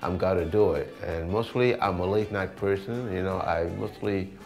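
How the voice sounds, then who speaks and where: Faint music plays behind a low, slightly mellow male voice at normal speed. He's an artist with a Senegalese accent, chatting casually in an interview and frequently repeating words and phrases.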